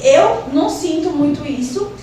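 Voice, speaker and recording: High-voiced woman, echoey room. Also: lively intonation, unhurried. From Peru, Lima. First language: Spanish. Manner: warm, chatty, many "então, assim" fillers. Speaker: school manager, interview guest. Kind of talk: casual interview answers. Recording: echoey room, distant mic, background noise.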